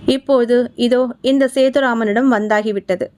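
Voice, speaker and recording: A woman's voice: fairly high pitch, fairly even intonation, unhurried, a little mellow. A woman with a Tamil accent, reading a horror story aloud and voicing each character herself. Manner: voices every character herself. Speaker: audiobook narrator. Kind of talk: scripted storytelling narration.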